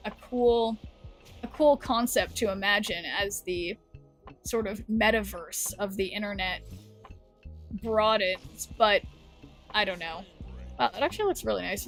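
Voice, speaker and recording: A woman's voice: medium pitch, fairly bright tone. A woman chatting casually on a live game stream, rambling and answering chat, her voice worn from talking. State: losing her voice.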